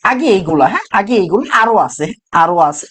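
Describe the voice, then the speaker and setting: A male teacher runs an exam-prep chemistry lecture. His voice sits high and swings widely in pitch. He drills each point by repeating it and by asking questions that he then answers himself. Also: sing-song, quick pace, fairly bright tone. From Bangladesh. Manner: repeats key phrases, asks questions and answers them himself.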